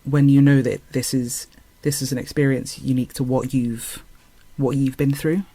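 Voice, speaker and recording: A man's voice: medium pitch, level tone, moderate pace, dark tone. Hesitant, thoughtful man speaking as a guest. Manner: thoughtful, hesitant, with many fillers. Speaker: actor and singer guest. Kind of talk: casual conversation.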